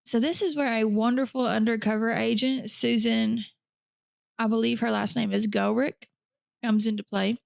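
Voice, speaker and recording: A woman's voice: fairly high pitch, steady tone, moderate pace, creaky, no room sound. A woman podcast host telling a true crime story in a casual, chatty way, with blunt profane asides.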